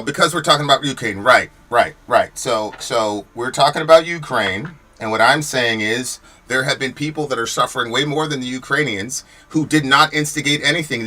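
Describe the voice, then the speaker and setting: An American podcast host with a mid-range, pushed and bright voice delivers heated commentary on chat comments. He argues emphatically with rhetorical questions, and when worked up he repeats words and restarts.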